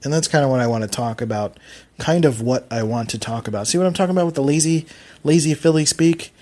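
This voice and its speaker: He's a fast-talking Philadelphian whose voice runs on the high side with a darkish tone. Hosting a casual podcast alone, he rambles and cracks self-deprecating jokes in a strong Philly accent.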